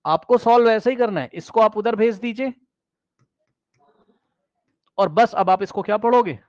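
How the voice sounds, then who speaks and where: A man's voice: high-pitched, moderate pace, dry recording, muffled recording. A man teaching a math class, questioning students directly and repeating key phrases, mixing English math terms into his explanation.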